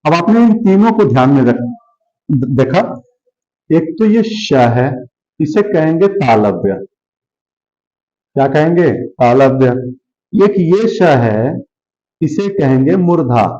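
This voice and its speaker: A man's voice: fairly high pitch, big pitch swings, warm tone, dull audio. A man teaching a classroom lesson, sounding out letters one at a time and asking questions he answers himself. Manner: slow, repeats sounds one by one and asks then answers.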